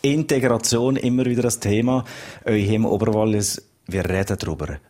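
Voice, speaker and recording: A man with an Upper Valais Swiss German accent hosts a relaxed radio conversation, asking his guest short, leading questions. His voice sits fairly low and has a husky edge. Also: normal speed. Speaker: radio host. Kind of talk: conversational interview.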